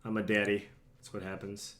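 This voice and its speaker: A man's voice: lowish voice, completely flat delivery, fairly quick, fairly bright tone, a little hiss or hum. A young man who is a bit sick and losing his voice, chatting casually with viewers on a live stream from a room at home. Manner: chatty, self-deprecating, talks to chat. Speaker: streamer playing a card game.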